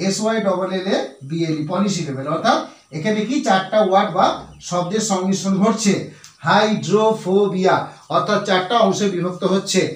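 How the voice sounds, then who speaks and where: A man with a high voice and a Bengali accent teaches vocabulary to his students. He talks patiently, repeating each word and spelling it out letter by letter. His voice rings in an echoey room, picked up from a distance. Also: a little fast. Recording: echoey room, voice far from mic.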